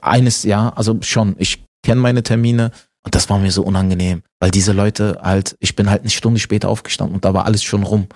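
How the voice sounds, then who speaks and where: A man from Germany, a comedian chatting casually as an interview guest and telling stories with animated laughter. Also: fairly low pitch, brisk.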